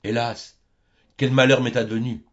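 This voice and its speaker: A man's voice: mid-range voice, little pitch movement, measured pace, fairly bright tone, voice pushed up, lightly acted. A man voicing a distressed old peasant farm woman who pleads and exclaims, in a dull lo-fi audiobook recording. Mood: lamenting.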